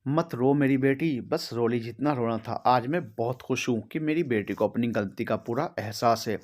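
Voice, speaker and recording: A man's voice: mid-range voice, moderate pace, darkish tone, lightly acted. A man reading as a stern, loving mother. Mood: scolding. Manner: earnest, pleading, scolding. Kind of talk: storybook reading.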